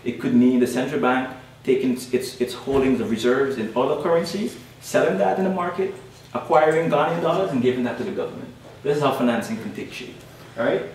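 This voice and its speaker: At a panel event, a young Guyanese man presents academically in a mid-range, animated, slightly mellow voice at a brisk pace. He emphasizes and repeats his key points, punctuating them with frequent "all right?" checks. The distant recording is very echoey with faint noise.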